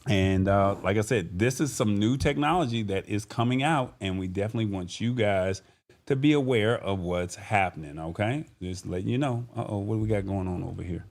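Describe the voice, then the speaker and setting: A man hosts a live-streamed talk show, speaking informally and conversationally straight to viewers. His voice is on the low side, a little fast and a little mellow.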